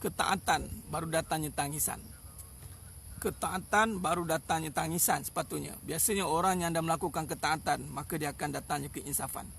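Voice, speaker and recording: A male preacher with a Malaysian Malay accent and a high, gravelly voice. He drives his sermon with rhetorical questions and repeated phrases. It is recorded live outdoors with faint noise behind him. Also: brisk, fairly bright tone. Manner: emphatic, repetitive, rhetorical questions. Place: outdoors in the sun.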